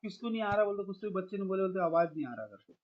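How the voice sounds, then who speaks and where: A man's voice: high-pitched, expressive, very fast, muffled recording. A man teaching a math class online, calling his students "beta" and mixing English math terms into his explanations.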